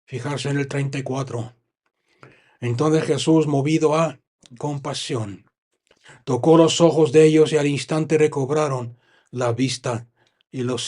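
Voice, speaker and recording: A man with a Spanish accent from Spain, preaching a sermon and reading Bible verses aloud, with frequent pauses to comment and stress his points. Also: on the high side, dark tone. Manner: reads scripture, then stops to comment and stress points. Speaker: pastor.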